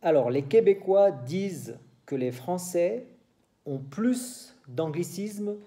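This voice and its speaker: A man from France with a French accent, teaching a French lesson to Spanish speakers in a slow, explanatory way and switching between French and Spanish. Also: high-pitched, expressive, dark tone.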